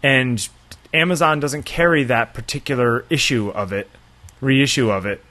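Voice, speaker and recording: Middle-aged guy rambling on a podcast, casual, swears a bit, mid-pitched voice. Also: normal speed, bright, forceful tone. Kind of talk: casual chat.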